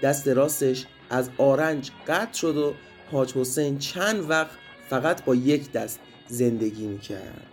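A man narrating a story for children, lively and addressing the kids directly. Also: mid-range voice, hardly any pauses. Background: faint music.

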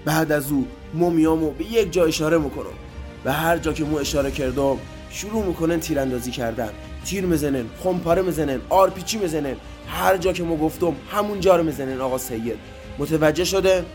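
A man's voice: on the high side, darkish tone, faint music behind, close to an everyday voice. A man voicing a stern, confident male war commander who gives firm orders. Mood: commanding. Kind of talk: storybook character voice.

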